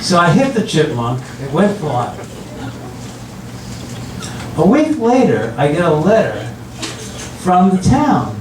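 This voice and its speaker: An older man performing stand-up comedy in front of an audience, telling stories with halting restarts and repeated phrases. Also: on the high side, big pitch swings. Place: room with an audience, recorded from a distance. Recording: roomy, distant mic, very noisy.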